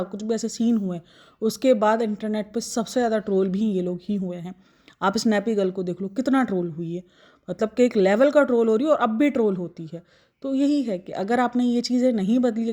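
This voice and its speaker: Woman, slightly high voice, critical casual commentator. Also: darkish tone. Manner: critical, rhetorical questions to the audience. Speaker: commentator on online creators.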